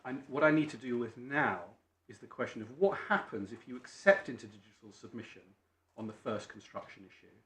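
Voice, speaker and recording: A British man making formal legal submissions as a barrister, deferential and learned, often halting and repeating his phrases. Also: mid-range voice, a bit bright. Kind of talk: formal courtroom legal argument. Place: indoor courtroom. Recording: echoey courtroom with faint background noise.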